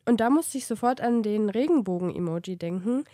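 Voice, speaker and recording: A young woman of about twenty speaks hesitantly as a student guest, with a warm, mellow tone. The sound is dry and close. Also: mid-range voice, lively intonation, fairly quick, no echo. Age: 20s. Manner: hesitant, with many fillers. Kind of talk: podcast chat.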